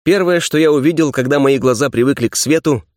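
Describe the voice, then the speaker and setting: Male narrator, mid-pitched, measured pacing with dramatic pauses, dry studio sound. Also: no room sound. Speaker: audiobook narrator. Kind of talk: scripted first-person narration.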